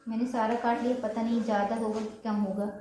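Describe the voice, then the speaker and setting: A young woman vlogging at home, chatting quickly and casually while she cooks. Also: on the high side, little pitch movement, warm tone, slight background noise. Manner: fast, chatty talker. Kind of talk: casual cooking vlog chat. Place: home kitchen with a fan running. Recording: very echoey room.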